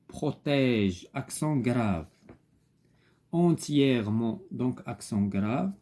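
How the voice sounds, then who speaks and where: A man's voice: mid-range voice, warm tone, husky. A man with a Moroccan accent, a teacher patiently explaining homework step by step and spelling out letters.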